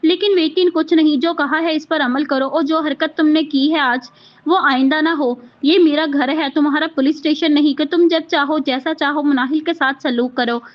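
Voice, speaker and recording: A woman's voice: sits high, fairly even intonation, moderate pace, highs cut off, natural voice. A woman voicing a stern, commanding older father in a read-aloud romance novel.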